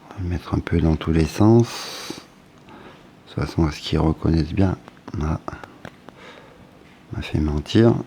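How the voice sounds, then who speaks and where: A man's voice: rumbling low, measured pace, long pauses, dark tone, a little hiss or hum. A man, casually unboxing a phone and thinking aloud with hesitant fillers. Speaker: tech unboxing vlogger.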